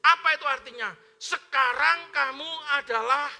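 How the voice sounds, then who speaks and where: A man preaching a sermon in church, speaking loudly and forcefully and calling on the congregation to repeat his words. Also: very high voice, normal speed. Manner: loud forceful preaching with call-and-response prompts. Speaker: pastor. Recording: live-streamed church service with faint music.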